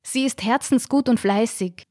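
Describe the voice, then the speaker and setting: A woman's voice: fairly high pitch, moderate pace, a little mellow, dry recording, studio quality, voice pushed up, close to an everyday voice. A woman voicing an earnest, heartbroken young rural man. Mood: pleading. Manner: earnest, pleading.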